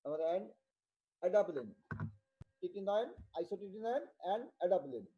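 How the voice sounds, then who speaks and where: A man from Bangladesh giving an online medical tutorial, talking haltingly and repeating himself as he checks in with students. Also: sits high, lively intonation, lo-fi sound. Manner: halting, repetitive, with many restarts and check-ins. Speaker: medical lecturer.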